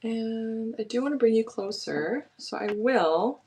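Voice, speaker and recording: A woman's voice: fairly high pitch, lively intonation, unhurried, dark tone, slightly rough. Chatty woman cooking on stream. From Canada. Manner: chatty, rambling, self-correcting. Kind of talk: casual chat while cooking. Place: home kitchen. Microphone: camera on a tripod.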